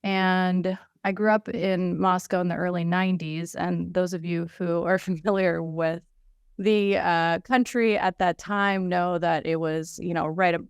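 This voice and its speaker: A woman's voice: lowish voice, smooth, no room sound, clean studio sound. Woman in her thirties on a video call. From United States and Russia. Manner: conversational, frequent fillers and restarts. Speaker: panelist. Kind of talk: webinar self-introduction.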